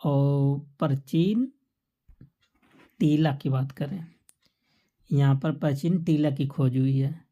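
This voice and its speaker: A woman's voice: sits low, takes it slowly, long pauses, mellow, dull audio. A woman teaching an exam-prep lesson, asking questions and answering them herself while repeating the key facts to memorize. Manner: quizzes listeners and answers her own questions.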